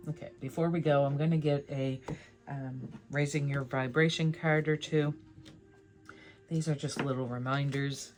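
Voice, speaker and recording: Speaking with a mid-range voice, the host of a laid-back pick-a-card tarot reading talks to viewers conversationally, offering encouragement and affirmation.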